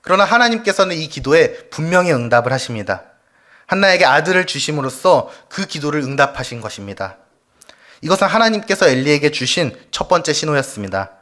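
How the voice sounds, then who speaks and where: A man's voice: a little high, very animated, brisk, a bit bright. A male evangelist preaching a weekday church sermon, leading the congregation through scripture and asking them questions. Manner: leads the congregation in reading scripture aloud; asks the congregation rhetorical questions. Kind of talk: Wednesday service sermon. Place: church sanctuary.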